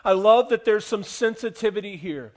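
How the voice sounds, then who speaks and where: A male pastor preaching a sermon, moving from loud emphatic lines to soft hushed ones, repeating phrases and asking the listeners questions. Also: high voice, moderate pace.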